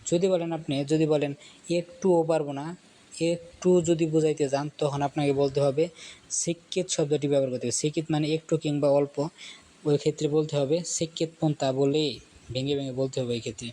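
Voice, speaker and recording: A man's voice: fairly high pitch, steady tone, mellow. Man teaching, often repeating himself. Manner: explains slowly, repeats words, often asks "ঠিক আছে?". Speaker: language teacher. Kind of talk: casual spoken lesson.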